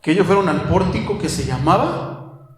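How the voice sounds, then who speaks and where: A man preaching a sermon as pastor, animated, firing rhetorical questions and calling listeners "my brother". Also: high voice, moderate pace. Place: church hall. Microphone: handheld microphone. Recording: very echoey church hall.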